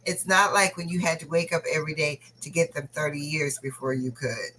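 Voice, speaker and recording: A woman co-hosting a casual stream, lively and quick to laugh and react. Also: sits low, slight background noise, rough recording. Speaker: co-host. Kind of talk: casual chat on a live stream.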